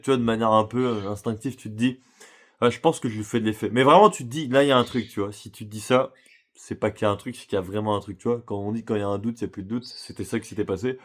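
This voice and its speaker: A man telling a personal story in a casual, slangy way, talking straight to the listener. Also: fairly low pitch. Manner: slangy, chatty, addresses listener directly. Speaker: vlogger.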